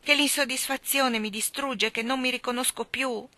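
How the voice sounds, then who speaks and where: A woman voicing an ancient immortal fairy who speaks forcefully and reproachfully in a storybook reading. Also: on the high side, normal speed, no room sound. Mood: anguished.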